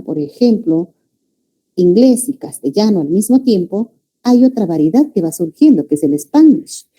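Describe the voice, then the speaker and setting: A woman giving a pre-university language lecture, often checking in with her students with a quick "ya?" or "no?". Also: mid-range voice, dark tone. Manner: calls students "jóvenes", checks understanding with frequent "¿ya?" and "¿no?". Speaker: language teacher.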